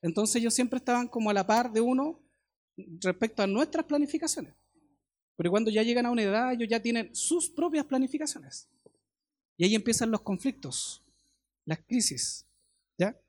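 A middle-aged man with a Chilean accent, preaching a sermon in a conversational way with homely stories and quick questions to his listeners. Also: very high voice, expressive, a little mellow.

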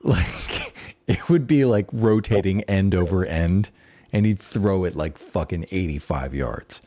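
A man's voice: low-pitched, expressive, unhurried, dark tone, no room sound. A man co-hosting a casual sports podcast, talking in a laid-back, profane way. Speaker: podcast co-host.

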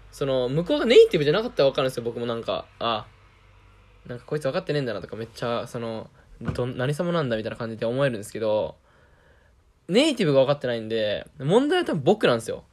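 A man's voice: medium pitch, big pitch swings, rapid-fire. A young man with a Kansai Japanese accent, talking in a casual, self-deprecating monologue and laughing often.

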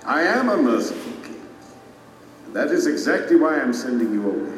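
An actor playing a majestic, stern king and divine judge in an audio drama, speaking in a solemn, deliberate, declamatory manner. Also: mid-range voice, sing-song, slight background noise, close to an everyday voice. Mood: commanding, grave. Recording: echoey reverberant hall, distant, music underneath. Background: dramatic music.

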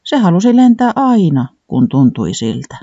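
A man narrating a children's storybook in an animated, sing-song reading style. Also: high voice, breathy edge, dry recording, muffled recording.

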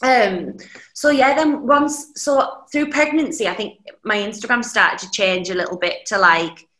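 A young woman with a Teesside accent from North East England speaks at medium pitch, a little slowly, in a bright, forceful tone. Appearing as a podcast guest in an echoey room, she chats casually and candidly, with some mild swearing.

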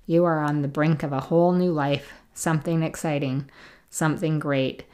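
A woman hosting a casual podcast, reading listener letters aloud in a gentle, chatty way. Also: low-pitched, fairly even intonation, normal speed. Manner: reads gently, laughs easily, chatty asides.

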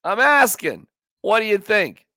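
A man's voice: high-pitched, sing-song, unhurried, sharp tone, dry recording, clean studio sound. A man hosting a casual sports podcast, joking and rambling as he chats with his co-host. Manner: joking, rambling, does silly voices.

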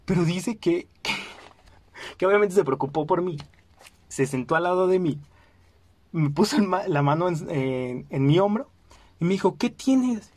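A young man with a Mexican Spanish accent, telling a funny personal story in a casual, animated way. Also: high-pitched, normal speed, long pauses, dry recording. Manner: animated, acts out quoted voices, frequent fillers. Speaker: podcast host.

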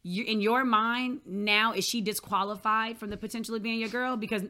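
A woman's voice: fairly high pitch, steady tone, normal speed, pushed and bright. A woman in her early thirties co-hosting a casual podcast, giving frank dating advice and acting out quoted lines. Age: early 30s. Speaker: podcast co-host.

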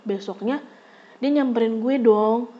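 Animated young woman telling a story. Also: a little slow, dull audio. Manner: animated, jumps high when acting out arguments. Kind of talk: casual storytelling.

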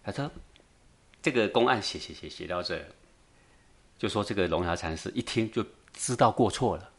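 A man giving a Buddhist dharma talk, telling a Zen tale in an animated way, chuckling and often checking that his listeners follow. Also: on the low side, normal speed. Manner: animated, keeps asking the audience for agreement, chuckles often. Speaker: Buddhist teacher.

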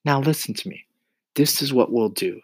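A man voicing a calm, resourceful young boy in a storybook reading, earnestly explaining a plan. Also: mid-range voice, normal speed, breathy edge, no room sound, studio quality, voice pushed up, lightly acted.

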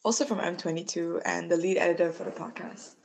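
A woman's voice: fairly low pitch, fairly even intonation, fast, vocal fry, darkish tone, slight background noise. Easygoing young woman from Malaysia. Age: young adult. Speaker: podcast co-founder and lead editor. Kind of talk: casual chat.

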